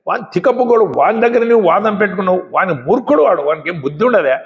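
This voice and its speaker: A man voicing a wise old male lion king who talks calmly and lectures patiently. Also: sits high, racing, lo-fi sound. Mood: scolding. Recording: echoey hall.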